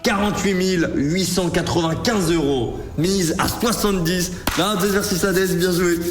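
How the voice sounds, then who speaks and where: A man giving excited livestream commentary as he plays slots. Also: sits high, normal speed. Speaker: gambling streamer. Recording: roomy echo, faint music behind.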